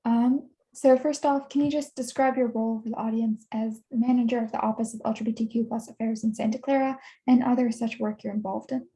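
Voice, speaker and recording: Mellow, high-pitched woman moderating. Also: fairly even intonation, a little fast, hardly any pauses, low-quality recording. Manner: polite, scripted. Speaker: event moderator. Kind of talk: introducing speakers and asking questions.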